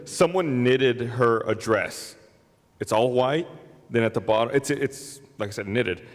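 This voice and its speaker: Brief: relaxed podcast regular, amused storyteller, reverberant. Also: male voice, mid-range voice, a little slow, a crowd in the background, background noise. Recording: long reverb.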